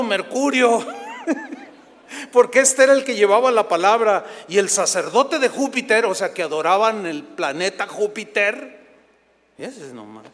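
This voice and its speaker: High-voiced animated preacher, reverberant church. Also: male voice. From Mexico. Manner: animated, acts out biblical scenes in quoted voices. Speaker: pastor. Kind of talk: sermon. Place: church sanctuary.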